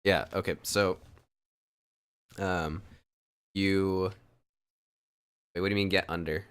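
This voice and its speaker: Deep, smooth-voiced male dungeon master. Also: steady tone, slow pace, a bit bright. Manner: loose narration full of ums and restarts. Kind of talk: narrating a tabletop game.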